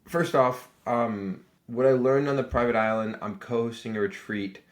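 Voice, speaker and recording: A man's voice: medium pitch, steady tone, normal speed. A man giving a casual critique of a video, talking loosely with lots of "like" fillers and restarts. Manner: rambling, heavy on filler "like" and restarts. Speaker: YouTube strategy reviewer.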